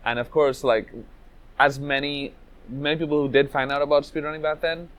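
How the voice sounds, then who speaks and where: A man from Venezuela who grew up in Trinidad tells his life story as a speedrunner in a casual interview, loose and reflective, using lots of "like" and "you know". His voice is on the high side, with a steady tone and moderate pace.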